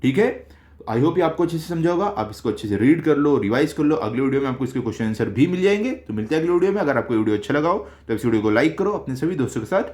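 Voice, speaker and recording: A man explains a school lesson, reading passages aloud and then restating them simply. His voice sits at an ordinary middle pitch, and he talks in the easy, repetitive manner of a tutor. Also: animated, very fast, darkish tone. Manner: reads a line, then explains it in simple terms. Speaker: teacher. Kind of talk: explaining a textbook chapter.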